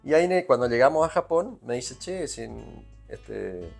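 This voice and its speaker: An Argentine man from Corrientes who speaks in a mid-range voice and tells loose, rambling anecdotes. He keeps asking "¿viste?" as he goes, in a relaxed interview chat. Faint music plays underneath. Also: medium pitch, unhurried, gravelly. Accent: Argentine Spanish, Corrientes. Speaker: guest musician. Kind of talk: casual interview storytelling.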